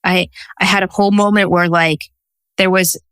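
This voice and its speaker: Lower-voiced woman in her forties, animated. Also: moderate pace, smooth, no room sound. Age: 40s. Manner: animated storyteller who acts out quotes. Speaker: guest, social worker and intuitive coach. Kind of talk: casual interview conversation.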